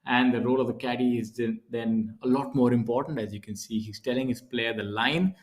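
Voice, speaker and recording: A man's voice: mid-range voice, fairly even intonation, fairly quick. A man doing conversational live golf commentary, explaining things in a discursive way.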